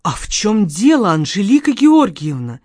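A woman voicing a soft-spoken, ingratiating male store director who speaks smoothly and deferentially. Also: mid-range voice, very animated, moderate pace, dry recording, clean studio sound. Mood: placating.

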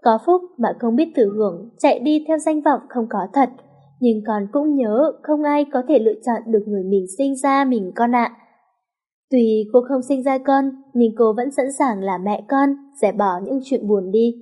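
A woman voicing a gentle, caring young nanny who speaks softly. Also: a little high, moderate pace, close to an everyday voice. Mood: soothing. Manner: soft, soothing, tender.

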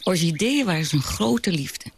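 Reminiscing grown child, gravelly, slightly high voice, radio drama narrator. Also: male voice, expressive, measured pace, heavily acted. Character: grown child looking back on a childhood home.

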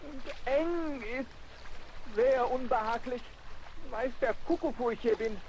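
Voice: high-pitched, takes it slowly, low-quality recording. An actor voicing a brave, stiff little tin soldier in a 1970s radio play, talking to himself with stoic resignation. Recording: loud hiss from an old vinyl record.

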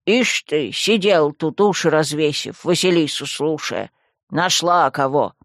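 A woman voicing a grumpy, rude male talking skull staff in an audiobook, gruff and scolding. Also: deep voice, animated, unhurried, no room sound, clean studio sound, voice pushed down. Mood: scornful grumbling. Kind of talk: audiobook character voice.

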